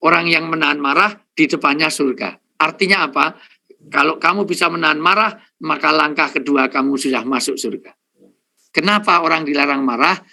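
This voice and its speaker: A middle-aged Islamic preacher delivers a humorous sermon to a live audience, joking, addressing listeners directly and counting off his points. His voice is on the high side, creaky, pushed and bright.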